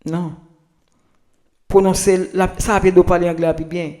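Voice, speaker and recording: A Haitian Creole–accented man with a high, mellow voice and flat delivery offers language tips in a relaxed pronunciation lesson. He keeps repeating himself, halts, and restarts often.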